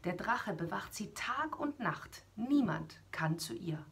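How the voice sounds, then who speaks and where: A woman voicing a man who earnestly warns the hero in a storybook reading, with a very breathy voice. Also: medium pitch, animated, takes it slowly, a bit bright, heavily acted. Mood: warning. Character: pitying man warning the hero.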